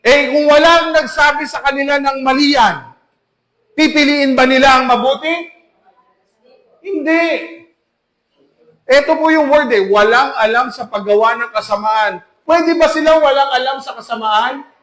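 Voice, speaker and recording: A man's voice: very high-pitched, a little slow, pauses often, a bit bright, echoey room. A man preaching an emphatic sermon as pastor, full of rhetorical questions to the congregation. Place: church hall.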